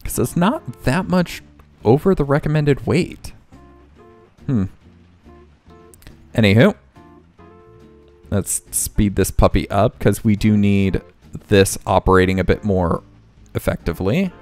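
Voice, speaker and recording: Slow, easygoing man narrating gameplay. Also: lowish voice. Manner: thinks aloud, self-correcting, relaxed. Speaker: let's play host. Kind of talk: casual gameplay commentary. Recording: game music playing faintly underneath.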